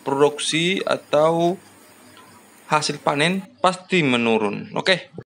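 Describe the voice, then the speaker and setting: Male host, slightly high-pitched, giving a plain farming lesson with frequent fillers. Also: animated, takes it slowly, gravelly, a bit bright. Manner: addresses farmers as "Bapak Ibu", frequent "ya" and "namanya" fillers.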